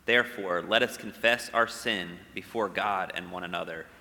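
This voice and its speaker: Low bright-voiced guy leading a confession prayer, slow and solemn, cathedral echo. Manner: slow, solemn call-and-response reading. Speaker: worship leader. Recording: long reverberant hall echo.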